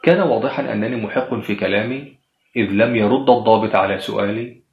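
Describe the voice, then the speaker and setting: A man narrating a first-person psychological horror story at a measured, steady pace. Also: on the low side, dull audio. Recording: roomy echo.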